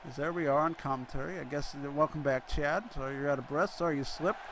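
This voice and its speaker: A man calling a wrestling show as play-by-play commentator. He talks excitably, tripping over names and correcting himself. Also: a little high, fast, noisy background.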